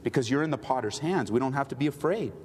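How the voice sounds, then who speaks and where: A middle-aged male pastor preaching a sermon, swinging between loud pleading and quiet tender talk. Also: medium pitch, lively intonation, fast, in a large hall, slight background noise.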